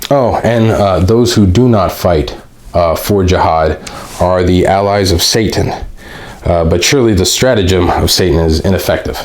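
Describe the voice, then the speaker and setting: A man reading a text aloud and commenting on it, halting often with pauses and restarts, and reading slowly and deliberately. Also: low voice. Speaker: video host.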